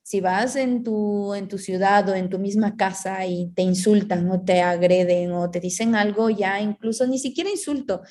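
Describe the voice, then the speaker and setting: A woman's voice: mid-range voice, normal speed, hardly any pauses, darkish tone. A woman in casual reflective conversation, explaining ideas through everyday analogies and acting out inner voices.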